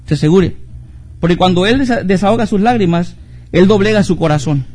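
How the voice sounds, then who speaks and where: A middle-aged male pastor delivers an earnest sermon in a high-pitched voice. He leans on rhetorical questions and repeats phrases for emphasis. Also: a little fast, darkish tone. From Mexico.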